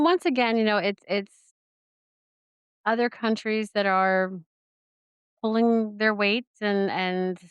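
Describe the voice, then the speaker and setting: A woman's voice: medium pitch, clean tone, dry recording. A woman co-hosting a casual podcast, rambling with many fillers and restarts and giggling asides. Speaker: podcast co-host. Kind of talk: casual chat.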